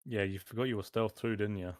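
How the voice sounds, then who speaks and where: A man's voice: fairly low pitch, fairly even intonation, fast talker, a little mellow, no echo, clean studio sound. A man playing a tabletop game, talking casually in a pointed, exasperated manner.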